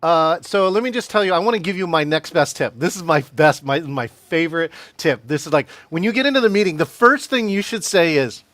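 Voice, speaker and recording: A man's voice: on the high side, fairly quick, few pauses, no room sound. Upbeat man leading a webinar. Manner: energetic, laughs often, addresses attendees by name. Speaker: virtual meeting trainer. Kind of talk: live webinar presentation. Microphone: video call.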